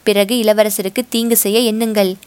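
A woman voicing a fierce, loyal boatman's wife who shouts in shrill, impassioned bursts. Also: steady tone, normal speed, clear, resonant tone, dry recording, close to an everyday voice. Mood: rousing. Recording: dry close recording.

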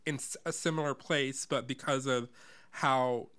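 A man's voice: mid-range voice, fairly even intonation, a little slow, a bit bright, smooth. A man chatting about the musical he co-wrote, rambling with lots of "sort of" and restarts. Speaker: co-writer of a musical. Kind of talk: casual chat.

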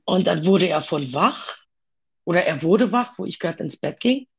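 Gravelly, husky woman recounting her past. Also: on the low side, expressive, muffled recording. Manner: halting, many pauses and fillers. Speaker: storyteller of own past. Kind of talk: personal conversation.

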